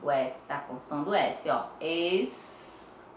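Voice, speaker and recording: A woman's voice: low voice, roomy sound, a little hiss or hum. A woman teacher with a Brazilian Portuguese accent, giving a lesson to young pupils, sounding words out syllable by syllable and checking in often. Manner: slow, stretches out words syllable by syllable. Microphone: phone.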